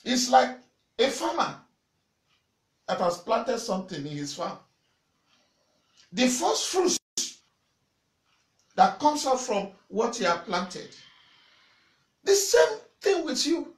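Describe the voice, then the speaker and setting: Forceful pastor, lively pitch. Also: male voice, slow, long pauses. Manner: forceful preaching with repetition and sudden loud shouts; waves arms and gestures while preaching. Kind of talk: sermon to camera. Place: small indoor church room in front of a banner. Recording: echoey room.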